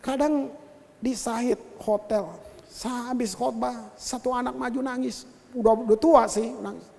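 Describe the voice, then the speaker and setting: A male pastor preaching a sermon, telling stories in an animated way and addressing his listeners directly. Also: extremely high pitch, measured pace, creaky. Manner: animated storytelling, addresses listeners as brothers and sisters. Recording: long hall reverb.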